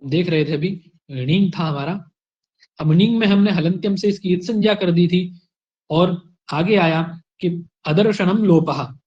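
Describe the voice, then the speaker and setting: High-voiced man teaching grammar online. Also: measured pace, highs cut off. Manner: explanatory, asks and answers his own questions. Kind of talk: online exam-prep lecture.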